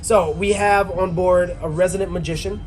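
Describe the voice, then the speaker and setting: A man with a high voice talks like an entertainment host in casual conversation. He is excitable and jokey and likes to repeat his phrases. Music plays clearly in the background. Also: normal speed. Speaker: cruise director and game show host. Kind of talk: casual bantering interview.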